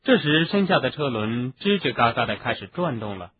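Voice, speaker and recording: A man narrating an audiobook in an expressive storytelling manner. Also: medium pitch, moderate pace. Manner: expressive, doing voices for each character. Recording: narrow phone-like sound, faint hiss.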